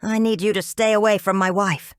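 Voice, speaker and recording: A woman voicing a large, angry, bearded man who shouts threats at his ex-wife's boss in an audiobook. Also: mid-range voice, fairly even intonation, a little fast, smooth, no echo, studio quality, voice pushed up, lightly acted. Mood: shouting. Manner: shouting, menacing. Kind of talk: audiobook character voice.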